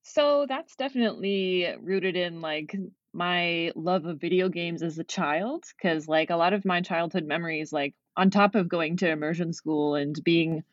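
A young woman from Kanehsatake, Quebec, Canada, who works as a game developer, chats casually as an interview guest, laughing often and using lots of "like" fillers. Her voice is fairly low and moves at a normal speed. The recording is dry and dull.

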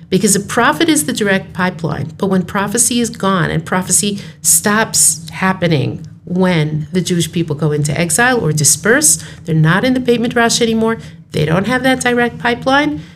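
A woman's voice: medium pitch, a little hiss or hum. A woman who teaches Torah, explaining texts emphatically in a study conversation and weaving in Hebrew terms.

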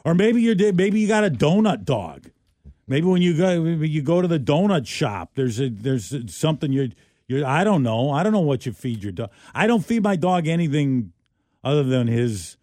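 A man co-hosting a casual morning radio show, chatting quickly and throwing questions at listeners. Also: on the high side, sing-song, a little mellow, no room sound, clean studio sound.

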